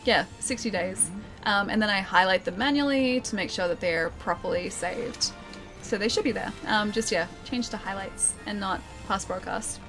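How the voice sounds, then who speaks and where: Female game streamer, medium pitch, casual viewer chat, slightly careful speech from wearing a retainer, music underneath. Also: moderate pace, a bit bright. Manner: talking with retainer trays in, slightly careful articulation. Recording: music playing behind the voice. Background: background music.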